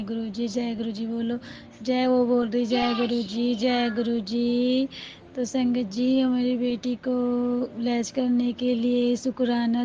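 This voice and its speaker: A woman from Delhi telling a devotional testimony in a halting way, often repeating her terms of address. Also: fairly high pitch, dark tone, highs cut off, a little hiss or hum.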